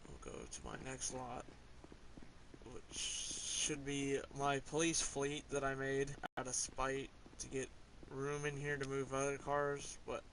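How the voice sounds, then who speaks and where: Laid-back male gamer, rambling and hesitant, ordinary pitch, faint noise behind. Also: animated, slow pace. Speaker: gamer showing his garage. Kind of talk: casual gameplay commentary.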